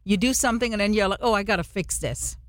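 A woman's voice: mid-range voice, fast talker, no echo. Woman, from Trinidad and Tobago, interview host, chatty, dry close sound. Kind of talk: interview conversation.

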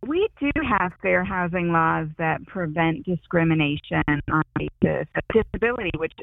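A woman's voice: low-pitched, animated, moderate pace, creaky, a little hiss or hum. Woman on a buzzy, glitchy call line. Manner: earnest, speaks in campaign talking points. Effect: buzzy, glitchy call audio that keeps breaking up. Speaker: city council candidate, interview guest. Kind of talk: call-in interview on a radio show. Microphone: remote phone or video call. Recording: tinny, dry phone line.

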